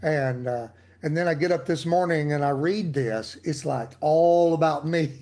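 A man's voice: a little high, normal speed, darkish tone. A middle-aged man preaching a casual daily devotional in a folksy, emphatic way, with laughs and asides to his listeners. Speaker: pastor giving a daily devotional.

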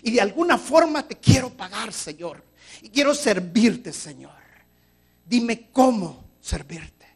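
Man doing a pious but selfish praying woman, high voice, pleading then brushing off requests. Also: expressive, slow pace, creaky, breathy edge, exaggerated voice. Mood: pleading prayer. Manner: pleading prayer, brusque refusals.

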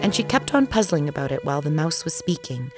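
A woman narrating a storybook in a measured, expressive way. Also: low-pitched, music in the background. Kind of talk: storybook reading.

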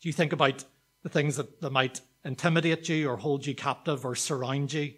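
A man preaching a sermon, telling a story to his congregation in an earnest way and slowing down on key words. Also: fairly high pitch, fairly even intonation, a bit bright. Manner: storytelling, slows down for emphasis; earnest, addresses the congregation directly. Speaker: pastor.

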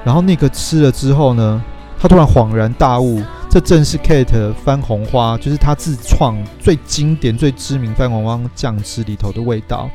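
A man's voice: medium pitch, normal speed, few pauses, warm tone, faint music behind. A man, telling the plot of a film in a casual, chatty way and acting out the characters' lines. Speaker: host retelling a film plot. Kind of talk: casual storytelling film recap.

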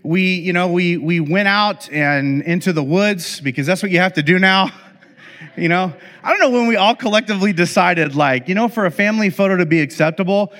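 With long hall reverb on the recording, a middle-aged male pastor recounts a humorous family anecdote in his sermon, loose and casual, stumbling through fillers and restarts. His voice sits high, is a bit bright, and runs fairly quick.

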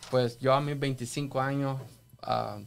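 A man from El Salvador telling his faith story on a church podcast, halting and earnest, full of restarts. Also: medium pitch, flat delivery, creaky, clear, resonant tone. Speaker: podcast guest sharing testimony. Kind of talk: casual church podcast talk.

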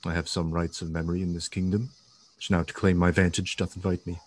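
A man's voice: low-pitched, level tone, quick pace. A man acting a grave, commanding warrior prince in a Shakespearean tragedy.

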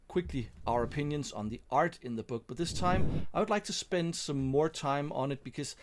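Guy chatting as podcast host, bit gravelly, throat still recovering. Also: mid-range voice. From Denmark. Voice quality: slightly gravelly. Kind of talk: casual podcast chat.

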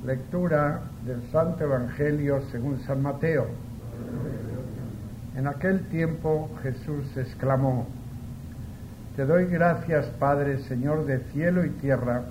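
A man, a priest, proclaiming the reading and preaching a homily in an unhurried, conversational way, his voice echoing like in a cathedral. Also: mid-range voice. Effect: cathedral-like echo. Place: large church. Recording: echoey church with background noise.

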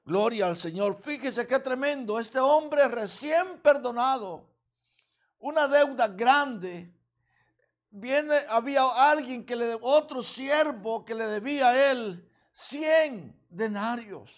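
A man preaching a sermon, retelling a parable slowly and earnestly. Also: very high-pitched, expressive.

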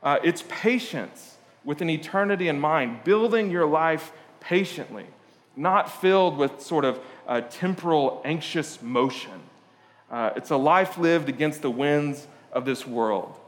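A man's voice: fairly high pitch, expressive, a little slow, long reverb tail. A man from Portugal preaching a sermon, talking in a conversational, storytelling way with frequent "uh" fillers and asides. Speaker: pastor.

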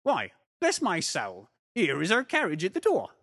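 A man's voice: high-pitched, wildly swooping pitch, moderate pace, a bit bright, slightly rough, exaggerated voice. A man reading an audiobook, voicing a self-assured police inspector with a confident, patronizing manner. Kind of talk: audiobook character voice.

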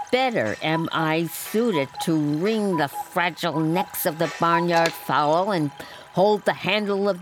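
A woman's voice: on the low side, slight background noise. Woman as devout Joan of Arc, righteously declaiming. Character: devout young peasant maid Joan of Arc, frightened yet defiant. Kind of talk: dramatic monologue over music.

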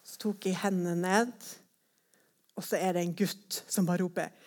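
A woman giving a personal testimony, telling her story in a lively way and acting out her own thoughts as quotes. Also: on the low side.

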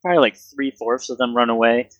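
A man narrating a tabletop fantasy game as game master, conversational and halting as he improvises scenes. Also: mid-range voice, fairly bright tone, dry recording, muffled recording.

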